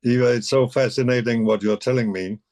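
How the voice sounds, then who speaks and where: A man's voice: mid-range voice, fairly even intonation, brisk, darkish tone. A man from the United States, an audience participant asking a question in a hesitant, conversational way with many fillers over a video call.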